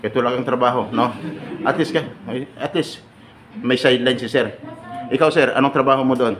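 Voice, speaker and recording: A man leading a seminar for departing overseas workers, joking and firing quick questions at his audience. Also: mid-range voice, a bit bright. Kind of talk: lively seminar talk to an audience. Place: large hall with an audience. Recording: echoey hall, mic far off, noisy.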